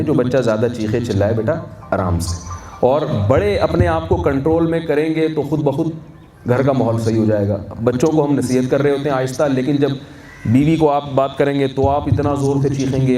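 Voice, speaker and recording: A man's voice: mid-range voice, dark tone. A man with a Pakistani Urdu accent gives a sermon at a wedding feast, asking the audience questions and answering them himself. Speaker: Islamic scholar. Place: large hall at a wedding reception. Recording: echoey, distant mic, faint hum.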